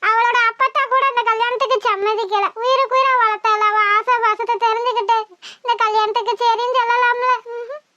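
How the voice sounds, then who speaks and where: A woman's voice: very high voice, fairly even intonation, a little fast, bright, forceful tone, no echo. A woman voicing a fretful middle-aged village mother in a cartoon, with a southern Tamil Thoothukudi accent and a wailing, exclamatory way of talking. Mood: lamenting. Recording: muffled lo-fi cartoon dub.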